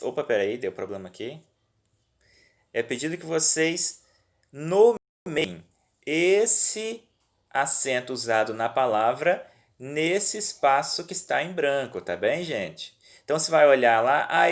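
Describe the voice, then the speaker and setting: A male teacher with a Brazilian accent, explaining worksheet exercises to pupils in a patient, reassuring way and checking in often, recorded on a phone at home. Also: mid-range voice. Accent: Brazilian Portuguese. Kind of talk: remote lesson walking through worksheets.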